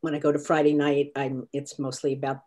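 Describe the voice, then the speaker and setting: A woman casually introducing herself in an online class, hesitant and halting as she explains. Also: deep voice, flat delivery, warm tone. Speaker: class participant. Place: online video meeting.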